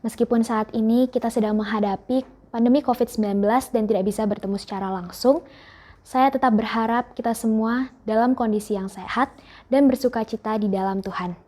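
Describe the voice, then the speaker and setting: A teenage girl giving a formal farewell speech on behalf of her class, in a measured, earnest delivery. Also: fairly high pitch, steady tone, dark tone. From Indonesia. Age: teens. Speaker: student speaker.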